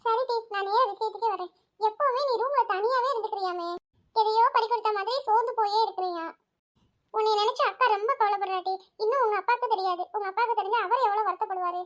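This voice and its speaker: A woman doing a fretful middle-aged aunt in a storybook drama, scolding and exclaiming at her niece. The voice is very high and quick. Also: a bit bright. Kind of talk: audio story voice acting.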